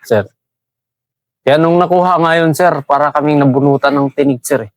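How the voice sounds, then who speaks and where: A middle-aged Filipino soldier tells a war story in a fairly high voice, addressing his interviewer with a respectful "sir" at almost every pause. The sound is dry and close, with no room around it. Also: dry recording. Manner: deferential, says "sir" constantly. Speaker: special forces team sergeant, guest. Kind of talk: recounting a combat story.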